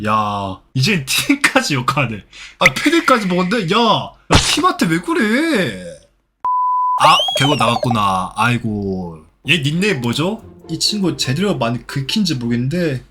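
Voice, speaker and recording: Young male streamer, sarcastic scold, lively pitch. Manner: scolding, sarcastic, swears when provoked. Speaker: Roblox streamer. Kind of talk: live gameplay commentary.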